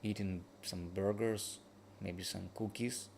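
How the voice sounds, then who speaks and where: Tired, slow, gravelly-voiced man. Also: lowish voice, fairly even intonation, darkish tone, slight background noise. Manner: halting, drifting, drowsy phrasing. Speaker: streamer reacting to a video review. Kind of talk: casual late-night reaction chat.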